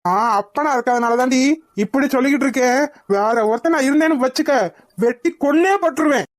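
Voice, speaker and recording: A harsh, scolding village father, as a woman puts him on in a cartoon. He talks. The voice sits high for a man. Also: fast talker, close to an everyday voice. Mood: angry. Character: stern village father, middle-aged man. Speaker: father scolding his wife. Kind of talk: cartoon voice acting.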